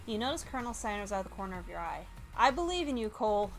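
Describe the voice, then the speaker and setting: A VTuber streamer provides live game commentary, muttering as she reads on-screen text and bursting into loud, exasperated exclamations. Her mid-range voice is very animated and rapid-fire, with music playing in the background.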